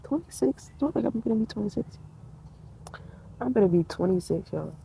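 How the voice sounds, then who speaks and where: Woman, twenties, casual reflective vlog chat, mellow dark tone, slangy and spiritual, outdoors in a tree. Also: mid-range voice, expressive, fairly quick, creaky, a little hiss or hum, low-quality recording. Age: 20s. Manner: laid-back, spiritual, slangy, laughs often. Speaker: vlogger.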